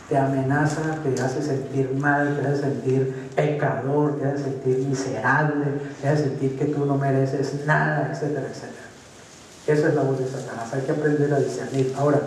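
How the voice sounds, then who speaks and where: A man's voice: medium pitch, a little mellow, slight background noise. A man with a Colombian accent preaching a conversational sermon, often checking that his listeners follow. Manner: conversational, asks for assent, acts out voices. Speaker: pastor. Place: church hall. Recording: echoey hall, distant mic.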